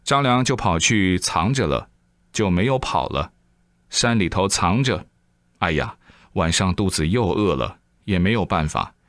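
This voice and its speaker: A man preaching through an animated story, lively and exclaiming as he acts out the scenes. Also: low voice, measured pace, no room sound. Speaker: preacher telling a moral tale.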